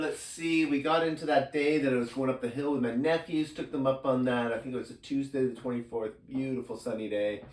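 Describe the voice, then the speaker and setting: Stuffed-up man giving a casual weather recap. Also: mid-range voice. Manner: relaxed, rambling, drowsy. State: stuffed up with a cold. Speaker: local weather forecaster. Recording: roomy echo, distant from the mic, faint noise.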